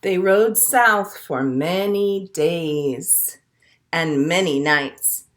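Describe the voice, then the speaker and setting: A woman with a fairly low voice speaks very slowly while hosting a children's storytime as a librarian. She reads a picture book aloud expressively, includes songs and asides, and keeps her language simple and encouraging for small children.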